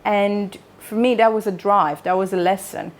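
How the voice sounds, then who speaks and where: Speaking at a wellness event, this Transylvanian woman shares personal stories in a relaxed public talk. Her Romanian-accented voice sits in the mid range, holding a steady tone at normal speed, and she keeps things conversational by tossing jokes and questions to the listeners.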